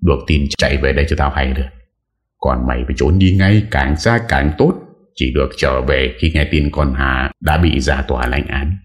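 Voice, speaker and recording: A man's voice: a bass voice, normal speed. A man voicing a stern young martial-arts master who gives curt, firm orders. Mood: commanding. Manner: curt, commanding.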